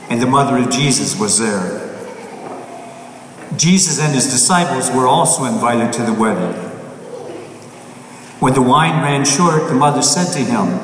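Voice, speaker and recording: A man serving as priest, reading the gospel and preaching a homily in a plain, halting way with frequent restarts, heard with heavy cathedral echo in a large church. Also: medium pitch. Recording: long church reverb from far off, faint noise.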